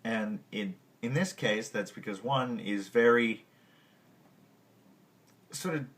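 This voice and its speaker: A music podcast host teaching at the piano speaks slowly in a lowish, fairly bright voice, with a little hiss or hum audible. These casual lesson outtakes capture him tripping over words, laughing at himself and muttering curses, his own piano or guitar playing behind him.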